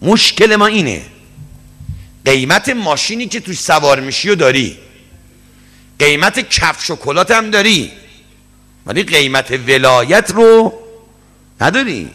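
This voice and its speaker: A man preaching a sermon to young listeners, telling a story and acting out the voices in it, swinging between loud high peaks and low murmurs. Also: animated, long pauses. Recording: long hall reverb.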